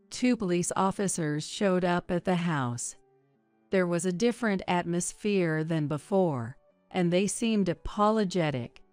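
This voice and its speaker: A woman reading a first-person story as a measured, even scripted narration. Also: fairly low pitch, smooth, no echo.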